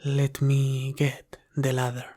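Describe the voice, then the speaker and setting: A man voices a loyal dragon butler in a gentle scripted ASMR roleplay, staying polite, formal, and deferential throughout. His delivery is monotone, very slow, and unhurried, with a restrained, even melody at medium male pitch, and he comes across as helpful and concerned.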